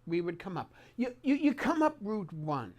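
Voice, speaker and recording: An older man reminiscing in an oral-history interview, speaking haltingly with repeated words and pauses mid-sentence. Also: high-pitched, very animated, dull audio. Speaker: interviewee recounting memories.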